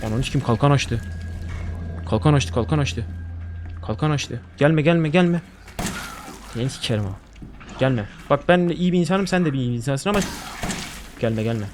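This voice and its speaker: A young man streaming a horror game, swearing a lot and jumping into loud panicked outbursts. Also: medium pitch, lively intonation, moderate pace, long pauses, noisy background. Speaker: gaming streamer. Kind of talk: horror game let's play.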